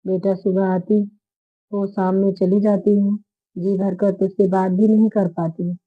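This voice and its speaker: A woman's voice: mid-range voice, level tone, unhurried, lightly acted. A woman voicing a middle-aged mother-in-law who speaks in a firm yet affectionate way, over phone-like narrow audio. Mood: fond.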